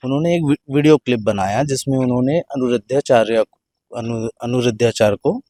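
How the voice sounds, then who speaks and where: Male panelist with a dark, mellow voice and dry sound, narrates events with frequent restarts. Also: medium pitch, normal speed, no room sound. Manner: recounting events, stumbling restarts. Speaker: panel guest. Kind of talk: discussion commentary.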